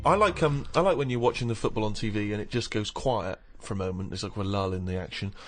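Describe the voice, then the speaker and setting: A man's voice: lowish voice, fast talker, music in the background. A man co-hosting a radio show, riffing and giggling in casual comedy chat. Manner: giggly, riffing, puts on silly voices. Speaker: radio co-host.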